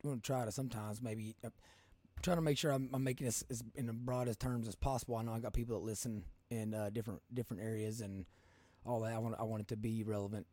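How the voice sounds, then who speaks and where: A man with a Kentucky accent and a hoarse smoker's rasp, hosting a casual podcast in a folksy, rambling, colloquial way. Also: fairly low pitch, steady tone, quick pace, dark tone, dry recording. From Kentucky, United States. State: hoarse from coaching. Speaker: podcast host.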